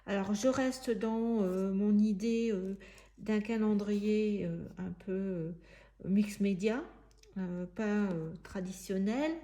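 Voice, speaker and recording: A woman giving a casual step-by-step craft demonstration, thinking aloud in halting, searching phrases as she works. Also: medium pitch, mellow. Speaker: craft tutorial presenter.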